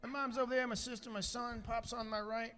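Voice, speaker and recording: A middle-aged man doing stand-up comedy, telling an animated story, bursting into shouts and often asking "right?". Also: very high voice, a little fast.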